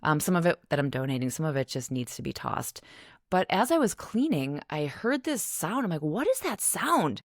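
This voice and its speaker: A woman's voice: sits low, lively intonation, brisk, no echo, studio quality. A young woman hosting her own podcast, talking casually and candidly, often laughing and swearing in passing. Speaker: podcast host. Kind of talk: casual solo podcast chat.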